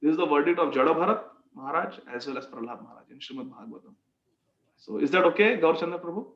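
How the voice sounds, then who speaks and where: A man giving a devotional discourse and taking questions on an online group call, speaking deliberately and emphatically. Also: on the high side, animated, fairly bright tone, reverberant, muffled recording. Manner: deliberate, emphatic, explains verses phrase by phrase. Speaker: spiritual teacher leading a scripture session.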